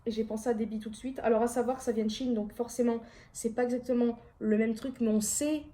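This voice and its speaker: A woman's voice: a little high, fairly even intonation, quick pace, warm tone. A young woman chatting casually at home in a rambling, self-deprecating way, showing her haul to camera. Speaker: vlogger.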